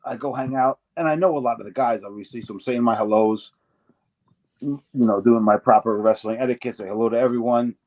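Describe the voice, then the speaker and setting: A man's voice: medium pitch, brisk, muffled recording. A middle-aged man in an interview, telling stories in a rambling way, swearing freely and acting out the voices of people he quotes. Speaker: interview guest, former wrestler. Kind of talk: casual storytelling.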